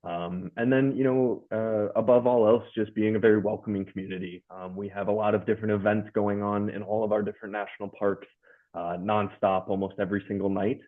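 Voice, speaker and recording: A man on a webinar panel, speaking in a relaxed way with lots of ums and uhs over a video call. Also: on the low side, a little fast. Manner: relaxed, many filler words. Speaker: hospitality company staff manager, panelist. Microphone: video call mic. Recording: tinny phone-like call audio.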